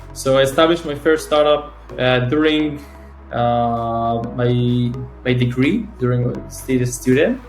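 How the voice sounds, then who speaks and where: Israeli founder in his thirties, roomy sound. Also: medium pitch. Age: 30s. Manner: fillers and restarts, eager, slightly non-native phrasing. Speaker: startup founder, guest. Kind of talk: casual interview chat. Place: home or office in Tel Aviv. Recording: roomy call audio with faint music.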